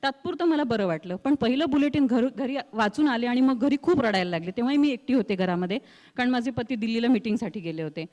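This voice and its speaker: Expressive Marathwada woman storyteller. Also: fairly high pitch, quick pace, long reverb tail, dull audio. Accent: rural Marathwada Marathi. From Marathwada, India. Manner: expressive, acts out quoted voices, laughs often. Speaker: guest, news reader and anchor. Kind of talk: animated storytelling interview.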